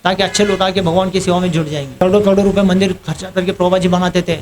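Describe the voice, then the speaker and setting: A man with a high-pitched voice gives a scripture class in a temple hall. He tells an anecdote in an animated way and voices the other people in it himself. A faint room ambience sits behind him. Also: racing, a little hiss or hum. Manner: animated storyteller acting out other people's quotes and laughing at his own story. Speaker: preacher giving a scripture class. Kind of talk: storytelling sermon.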